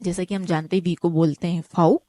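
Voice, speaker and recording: A woman teaching an online German lesson, explaining step by step, often checking with "ठीक है?", and saying each example word slowly twice. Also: on the low side, level tone, dark tone, dry recording.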